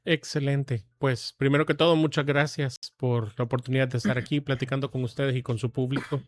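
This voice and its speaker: A man in his forties from El Salvador, a guest telling his life story in a measured, reflective way with frequent pauses. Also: mid-range voice, fairly even intonation, no echo. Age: 40s. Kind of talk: testimony interview.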